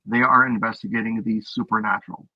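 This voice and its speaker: A man's voice: fairly low pitch, steady tone, fast talker, no room sound, highs cut off. A clergyman in his forties, a guest on a podcast, explaining scripture earnestly and at length in casual chat. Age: 40s.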